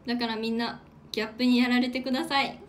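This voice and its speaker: A woman from Hokkaido sits close to the mic for a solo livestream and talks in a high, bright register. She reads out viewer comments and thanks each one in a relaxed, playful way, snacking as she goes. A faint hiss of background noise sits under her voice. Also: fast talker. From Hokkaido, Japan. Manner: chatty, playful, eats while talking. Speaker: idol livestreamer. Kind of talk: casual solo livestream chat.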